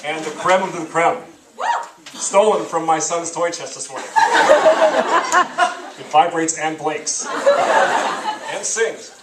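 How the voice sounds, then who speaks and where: A man's voice: a little high, slow, long pauses, very noisy. A man hosting a live show, handing out awards with joking, loose announcer patter. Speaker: show host. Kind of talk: emceeing an awards segment. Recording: roomy live hall, distant mic, loud crowd.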